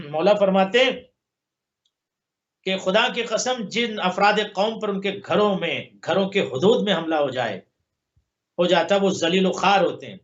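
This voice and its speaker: A male religious scholar gives sermon commentary on a live broadcast. He recites Arabic slowly, then unpacks it with long chains of repeated, parallel phrases. His voice sits fairly high, and the dull, lo-fi audio muffles it. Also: expressive.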